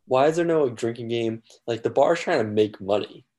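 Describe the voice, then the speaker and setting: Regular guy on a podcast, mid-pitch voice, kinda stumbly, lots of "like" and restarts. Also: animated, a little fast, a little mellow. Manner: hesitant, many restarts and fillers. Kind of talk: casual podcast chat.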